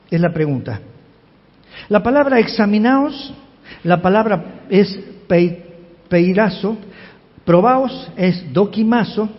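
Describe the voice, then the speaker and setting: A man, a pastor giving an expository sermon and emphatically asking the congregation questions. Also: high voice. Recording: reverberant hall, dull lo-fi sound.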